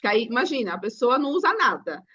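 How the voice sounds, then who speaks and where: A woman's voice: a little high, big pitch swings, fast, bright, forceful tone, slightly rough, dull audio. A woman sales consultant, asking an inquisitive question in a casual discussion.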